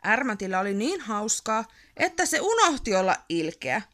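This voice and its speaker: A woman reading a picture book aloud as a bedtime story, expressive and playful. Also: fairly high pitch.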